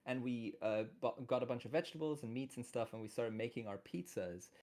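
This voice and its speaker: A stream guest with a mid-pitched voice. They tell anecdotes in lively casual chat, building each story up playfully. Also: brisk. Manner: animated storyteller.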